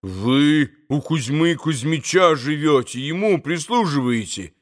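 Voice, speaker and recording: A desperate, furious young man, voiced by a male narrator in a storybook reading, firing off urgent questions and shouted accusations in a fairly high voice. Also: expressive, measured pace. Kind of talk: audiobook character reading.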